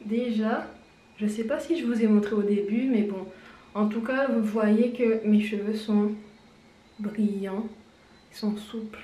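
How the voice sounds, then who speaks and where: A woman's voice: mid-range voice, steady tone, a little slow, pauses often, dark tone. Chatty woman in a very echoey room. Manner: chatty, explanatory, laughs at herself. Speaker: beauty vlogger. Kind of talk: casual hair-care tutorial. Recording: very echoey room, distant mic.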